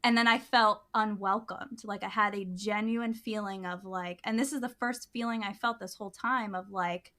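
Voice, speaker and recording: A woman's voice: mid-range voice, fairly even intonation, normal speed, hardly any pauses, fairly bright tone. A woman co-hosting a podcast, telling a personal experience in a casual, earnest way, with many fillers and restarts. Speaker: podcast co-host. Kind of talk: casual storytelling.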